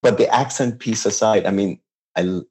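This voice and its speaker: An Iranian chef in his fifties, appearing as an interview guest, speaks in a lowish, slightly mellow voice. He's casual and reflective but halting, often restarting his sentences and laughing lightly.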